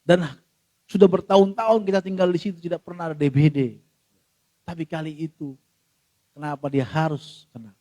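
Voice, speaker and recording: A middle-aged male pastor preaching a sermon, telling a personal story with emotion and often addressing the congregation, swinging from loud to hushed. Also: a little high, fairly even intonation, fairly quick, pauses often, no echo.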